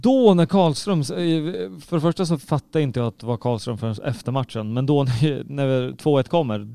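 A man's voice: mid-range voice, gravelly, warm tone, smooth, no echo, clean studio sound. A man co-hosting a football podcast in easygoing casual chat. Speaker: podcast co-host.

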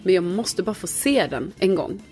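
A woman's voice: on the low side, expressive, a little mellow, soft background music. A young woman co-hosting a casual podcast, chatty and laughing often. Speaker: podcast co-host. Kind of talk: casual chat.

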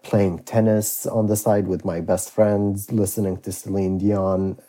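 Deep, mellow-voiced man from Iraq. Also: little pitch movement, measured pace. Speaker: guest. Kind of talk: podcast interview.

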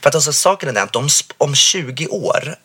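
A man's voice: on the high side, lively intonation, a bit bright, breathy edge. A man co-hosting a casual podcast chat, talking animatedly with many restarts. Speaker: podcast co-host.

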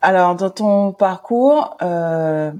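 A woman's voice: fairly low pitch, animated, extremely slow, mellow. A woman from Paris hosting a casual podcast interview, questioning her guest in a friendly, teasing way. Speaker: podcast host.

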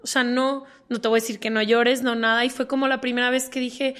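A woman's voice: fairly high pitch, flat delivery, brisk, fairly bright tone. A woman hosting a podcast interview, chatting in a personal, heartfelt way. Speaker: podcast host. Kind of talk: interview conversation.

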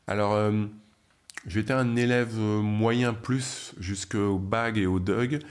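A man's voice: fairly low pitch, steady tone, slow pace. A middle-aged man from France, a guest telling his career story in a chatty way, with many fillers and restarts. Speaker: guest, media founder. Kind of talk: interview storytelling.

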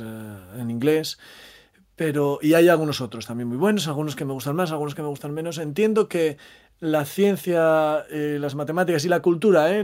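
A man's voice: fairly high pitch, darkish tone. A man speaking reflectively as an interview guest, often repeating phrases and adding short tag questions. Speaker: interview guest, maths communicator and storyteller.

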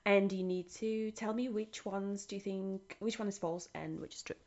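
A woman's voice: mid-range voice, steady tone, moderate pace, a little mellow. A woman co-hosting a casual podcast, playfully reading out quiz items to her co-hosts. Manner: playful, giggly, reads quiz items aloud. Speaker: podcast co-host running a quiz segment. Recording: dull lo-fi sound.

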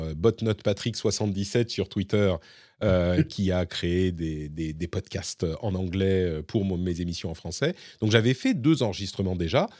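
A man's voice: lowish voice, warm tone, no room sound, clean studio sound. A man hosting a tech podcast, explaining things in casual chat with a few fillers. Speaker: podcast host.

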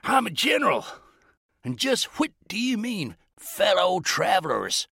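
A gruff, loud old retired general, played by a man, bristling with indignation. His voice is gravelly and raspy, with a hard forceful edge, and it lurches up and down. It is recorded close and dry. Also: high voice, huge pitch swings, measured pace, no room sound, full character voice. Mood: indignant. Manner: indignant and blustering.

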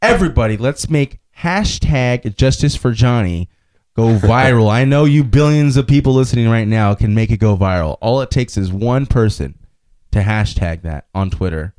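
A man hosting a casual podcast chat, laughing often and swinging from loud outbursts to low mumbles. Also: animated, moderate pace. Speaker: podcast host.

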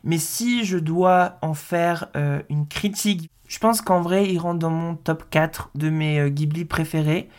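A woman's voice: low-pitched, measured pace, few pauses, a little mellow. A woman in her twenties hosting her own audio note, talking casually and chattily with many fillers. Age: 20s. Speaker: podcast host.

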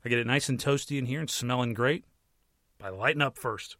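A man's voice: medium pitch, a little fast, bright, forceful tone, slight background noise. An American man in his thirties hosting a casual solo podcast in a wry, conversational way, recorded close in a small closet. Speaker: podcast host and movie and TV critic.

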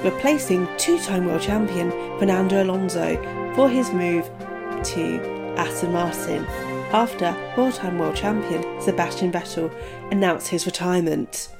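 A woman putting on the voice of a formal TV news reader, reading headlines in a measured way. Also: lowish voice, gravelly, over loud music.

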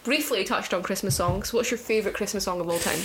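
A woman talks casually on a podcast in a medium-pitched voice. Her manner is teasing and conversational. A little noise sits behind the recording. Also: fast, a bit bright. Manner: teasing banter. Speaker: podcast guest or co-host. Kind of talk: casual chat.

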